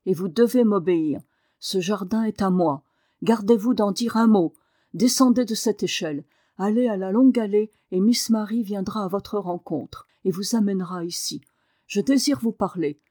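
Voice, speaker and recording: A woman's voice: mid-range voice, normal speed, mellow, dry recording, clean studio sound, natural voice. A woman reading aloud and voicing a proud, frail boy who gives orders fiercely. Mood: commanding. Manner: commanding.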